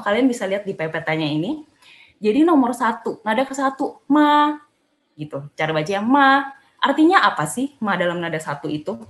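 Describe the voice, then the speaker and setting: Young woman teacher, chatty and upbeat, sings out tones, echoey room. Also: mid-range voice. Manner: cheerful, chatty, demonstrates tones aloud. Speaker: Mandarin teacher. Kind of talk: online language lesson.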